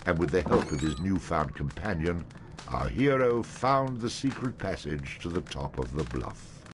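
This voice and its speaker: A grand, wry narrator tells the hero's tale in a game. His voice is very deep yet moves expressively through its range. A noticeable hiss of noise runs under the recording. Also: big pitch swings. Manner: measured, wry storytelling. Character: wry, grand storybook narrator, adult man.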